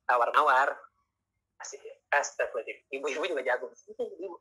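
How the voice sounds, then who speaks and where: A man's voice: mid-range voice, lively intonation, a little fast, pushed and bright, slightly rough. A man giving a casual online sales lecture over a video call, chatty and constantly adding tag questions. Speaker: sales trainer. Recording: tinny video-call audio.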